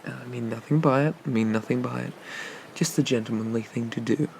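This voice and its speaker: A man playing a flirty, teasing, gentlemanly pirate captain in an ASMR ASMR role-play, with gravelly, murmured delivery. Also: medium pitch, a little fast, a little hiss or hum, lightly acted. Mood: teasing, courting. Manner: leisurely, teasing, roguish, murmured asides.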